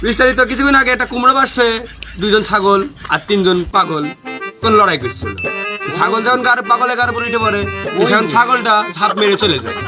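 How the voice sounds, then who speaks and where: A man acts out a parody village news anchor with a high-pitched voice and a western Bangladeshi accent. The delivery is mock-solemn and repetitive, in a homemade comedy newscast with music playing underneath. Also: lively intonation, fast. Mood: mock-serious. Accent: western Bangladeshi, Chuadanga area.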